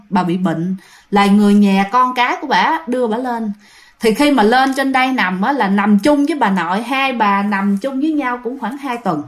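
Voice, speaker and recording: A woman with a southern Vietnamese accent recounts a ghost story in a relaxed, chatty way and keeps talking directly to her listeners. Her voice sits fairly high and swings widely in pitch as she builds the tale. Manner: chatty, addresses listeners directly, animated retelling. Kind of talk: casual spoken storytelling.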